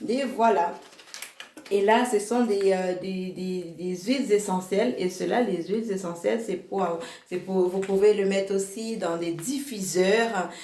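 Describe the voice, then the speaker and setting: A woman presenting a product range in a casual video, hesitant, full of fillers and restarts, and quick to laugh at herself. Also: mid-range voice, dark tone. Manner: slow, halting delivery. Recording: echoey room.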